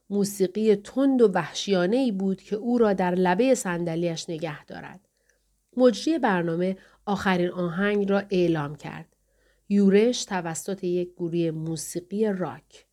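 Give me a woman narrating an audiobook in a calm, measured voice of middle pitch. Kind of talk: scripted narration.

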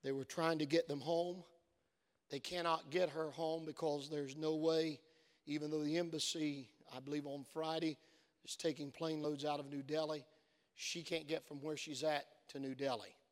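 Fairly high and level in tone, a pastor's voice moves at a moderate pace as he delivers a sermon. Worn from many phone calls, it carries an earnest storytelling manner that rises into fervent exhortation. The sound echoes with a church hall's long reverb.

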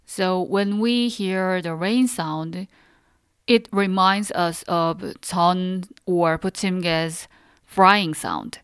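Slow, clear-voiced woman teaching on a podcast. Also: lowish voice, a bit bright, no room sound, clean studio sound. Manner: simple explanations addressed directly to learners. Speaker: host of a Korean lesson podcast. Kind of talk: instructional podcast narration.

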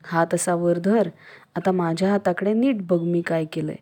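A woman voicing a calm, gently teasing middle-aged father in a storybook reading, speaking in a relaxed, patient way. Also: lowish voice, normal speed, lightly acted. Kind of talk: storybook narration.

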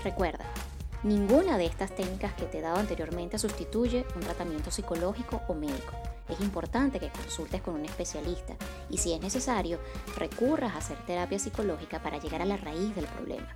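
A woman hosting a wellness podcast as a psychocorporal facilitator, reading a scripted monologue in a calm, measured, soft-spoken way. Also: lowish voice, music in the background.

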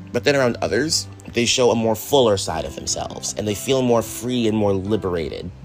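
A man hosting a casual, reflective monologue, rambling a little and dropping self-deprecating asides and the odd swear word. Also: lowish voice. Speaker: podcast host.

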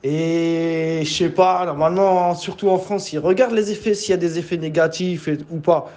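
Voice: medium pitch, fairly even intonation, moderate pace, a little mellow. A speaker chatting casually with friends on a call, using street slang and telling stories animatedly. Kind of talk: casual chat.

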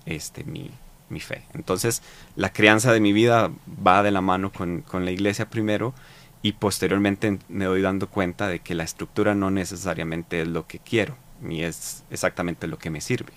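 A man with a Costa Rican accent answering interview questions in a reflective, halting way, with many fillers and repeated words. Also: sits low, steady tone. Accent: Costa Rican Spanish. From Costa Rica. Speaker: interview guest.

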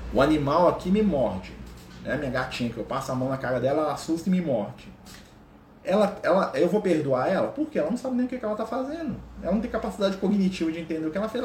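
A man's voice: medium pitch, a little mellow, a little hiss or hum. A man with a Brazilian Portuguese accent giving an informal spiritual talk at home, conversational and often checking in with his listeners. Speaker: spiritual teacher. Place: at home, with a pet cat. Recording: roomy echo.

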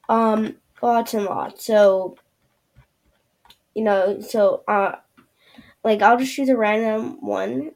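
A podcast host with a gravelly, mid-range, somewhat dark voice rambles loosely through a screen-share review on her own show. Her talk is packed with fillers and trailing "yeah"s.

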